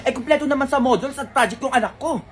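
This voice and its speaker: A woman's voice: sits high, very fast. A woman acting out several roles in a comedic skit, with a playful, scolding manner. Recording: music playing behind.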